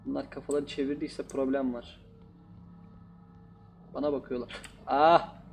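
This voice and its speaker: Guy doing lets play commentary, gravelly, jokes and yells at the game, faint clicks behind. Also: medium pitch, normal speed, slight background noise. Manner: joking, talks back to game characters. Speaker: gaming YouTuber. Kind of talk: casual horror game commentary.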